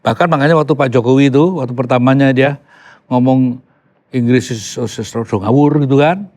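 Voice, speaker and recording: Older man, relaxed and emphatic. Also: mid-range voice, brisk. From Yogyakarta, Indonesia. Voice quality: relaxed, emphatic, drops in English phrases. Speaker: podcast guest. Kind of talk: casual conversation.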